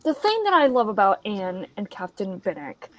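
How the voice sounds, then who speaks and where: A woman's voice: mid-range voice, huge pitch swings, moderate pace, a bit bright. A woman hosting a book channel, reacting to a movie adaptation with exasperated, swearing commentary, a bit tipsy from whiskey, over a video call.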